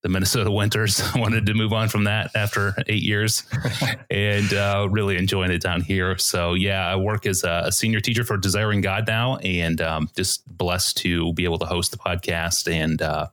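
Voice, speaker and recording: A man speaking as a guest on a podcast interview, relaxed and thoughtful, with many small fillers as he talks. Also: low voice, normal speed. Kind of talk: casual interview talk.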